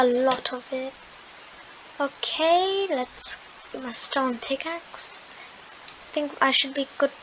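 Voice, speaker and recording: A woman giving chatty, excitable commentary while playing a computer game, often apologizing to her viewers. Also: sits high, background noise. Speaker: gaming video host. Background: game music.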